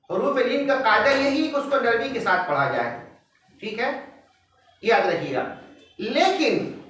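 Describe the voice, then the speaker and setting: A man teaching a tajweed class, slowly spelling out letters and vowel marks one by one and reciting short examples. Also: extremely high pitch, fairly bright tone, heavy reverb, far from the mic, rough recording. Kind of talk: online tajweed class explanation.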